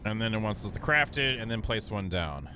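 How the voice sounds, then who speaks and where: A man's voice: fairly low pitch, brisk, slight background noise. A man streaming a video game, chatting playfully and joking with his viewers. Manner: playful, jokey, animated. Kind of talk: casual gaming commentary.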